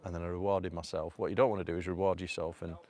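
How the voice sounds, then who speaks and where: A man's voice: deep voice, flat delivery, very fast, darkish tone. A man with a Manchester accent talking casually on a live stream outdoors, rambling and chatty, with lots of fillers, speaking into a phone on a selfie stick. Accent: Northern English (Manchester). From North Manchester, England. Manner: rambling, chatty, laughs often, many fillers. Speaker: vlogger. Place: outdoors at a rocky cove by a river.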